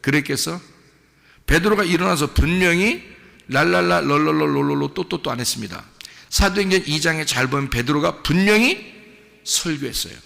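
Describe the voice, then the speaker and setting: A man preaching a sermon in a church with a fairly high, bright, gravelly voice. He is animated and theatrical and acts out little scenes as he teaches. His voice carries a long hall reverb from the sanctuary. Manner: animated, acts out quotes and mimics speech. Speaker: pastor.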